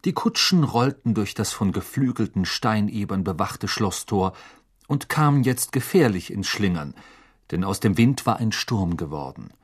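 A man narrating an audiobook in an expressive, dramatic storytelling manner. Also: on the low side, normal speed, breathy edge.

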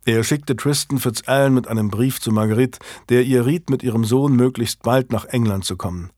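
A man narrating a historical novel in a steady, measured, scripted reading. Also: mid-range voice, no echo, studio quality. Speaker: audiobook narrator.

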